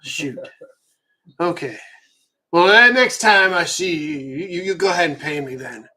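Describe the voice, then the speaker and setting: A man's voice: on the high side, expressive, a little slow, pushed and bright, heavily acted. A man doing a stammering boozy drifter. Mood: wheedling. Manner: slurring, stammering, wheedling. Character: boozy male drifter cadging coin for drink.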